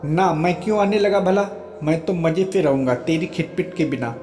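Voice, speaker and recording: A man's voice: a little high, moderate pace, darkish tone, lightly acted. A man reading a teasing young soldier husband. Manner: joking, teasing, laughing. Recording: roomy echo with faint music.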